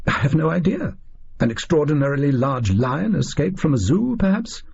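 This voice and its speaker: A man's voice: a little high, sing-song, normal speed, creaky, a little mellow, slightly rough, lo-fi sound, pitched above the performer's own voice, full character voice. A man voicing a stolid, bemused Victorian army doctor with an English accent and a hesitant, incredulous manner in an audio story. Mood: unsure, guessing.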